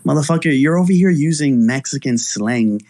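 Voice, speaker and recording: A man's voice: fairly high pitch, lively intonation, fairly quick, darkish tone. A man in a heated online argument, taunting and mocking with lots of profanity.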